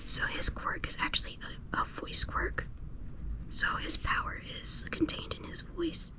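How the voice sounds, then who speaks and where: Casting: female ASMR creator, hushed whisper throughout, casual slangy chat, soft and unscripted. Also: a little slow, poor audio.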